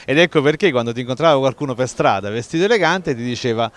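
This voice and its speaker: Man, mid-pitched voice, conversational explainer, playful asides. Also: lively intonation, fast. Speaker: explainer of local dialect and folklore. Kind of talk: conversational explainer with rhetorical questions.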